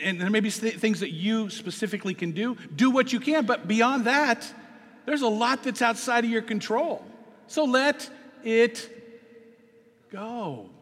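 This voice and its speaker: A male pastor with a high, bright voice preaches animatedly, dropping into near-murmured asides before rising to emphatic, ringing peaks. His voice carries a long reverb, as if filling a large church sanctuary. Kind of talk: sermon.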